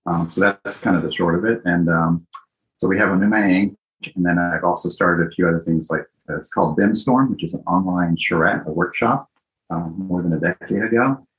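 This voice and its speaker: A man who is a guest on a podcast, answering in a thoughtful, unhurried way with frequent ums. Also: low-pitched, low-quality recording. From born in Greece, raised in Japan and Italy. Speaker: architect and company founder, guest. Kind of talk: casual interview.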